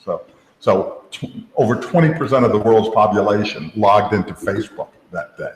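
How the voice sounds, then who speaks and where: A man's voice: fairly low pitch, normal speed. A man co-hosting a casual tech podcast, rambling with many restarts and "you know" fillers. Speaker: co-host. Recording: echoey room with long reverb.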